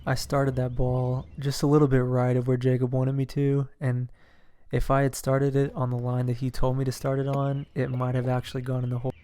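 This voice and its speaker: A young man, a scratch golfer, calmly recapping his own golf shots in a matter-of-fact voice-over. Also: mid-range voice, a little fast, clear, resonant tone.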